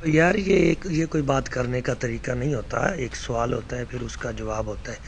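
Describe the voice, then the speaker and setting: A man's voice: medium pitch, gravelly, slight background noise. A man in a voice-message debate, correcting recitation errors and scolding with rising heat. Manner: heated, scolding, rises into shouting rebukes.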